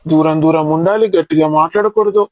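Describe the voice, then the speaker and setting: A man's voice: a little high, quick pace, no room sound, natural voice, rough recording. A man playing a teasing, playful husband. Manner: teasing, mock-argumentative.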